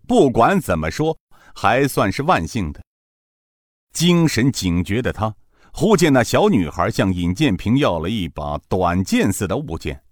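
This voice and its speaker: A man's voice: mid-range voice, no echo, clean studio sound. A dramatic male storyteller. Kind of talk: serialized martial-arts story narration.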